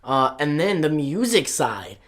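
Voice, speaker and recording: A woman's voice: sits low, sing-song, a little slow. A woman co-hosting a casual gaming podcast, talking eagerly in long runs full of "like". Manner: eager, talks in long runs with many "like" fillers. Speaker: podcast co-host. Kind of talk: casual chat.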